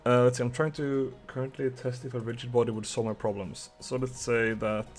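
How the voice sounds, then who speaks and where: A man's voice: mid-range voice, little pitch movement, a little fast, faint music behind. A young man from Sweden with a Swedish accent, chatting casually with viewers and muttering to himself while he codes a game on a live stream.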